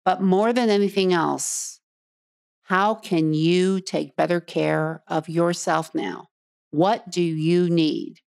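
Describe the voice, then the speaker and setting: A woman's voice: on the low side, steady tone, slow pace, vocal fry, darkish tone, smooth. A middle-aged woman hosting a podcast as a coach, talking earnestly and straight to the listener, repeating phrases for emphasis. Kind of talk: heartfelt podcast monologue.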